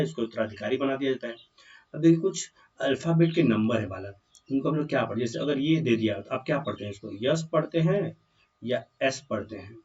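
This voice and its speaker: A man's voice: mid-range voice, a little mellow. Hindi-speaking man teaching grammar, distant. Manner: keeps asking the class questions, calls students "बालक". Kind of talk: grammar lesson explained in Hindi. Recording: dull distant classroom recording.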